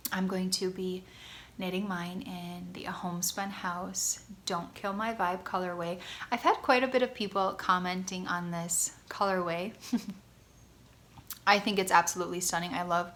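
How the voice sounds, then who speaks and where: A woman's voice: lowish voice, level tone, measured pace, a bit bright. A woman hosting a knitting vlog from a guest bedroom at home, chatting casually and gushing, a little congested. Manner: enthusiastic, gushing, frequent ums. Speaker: knitting podcast host.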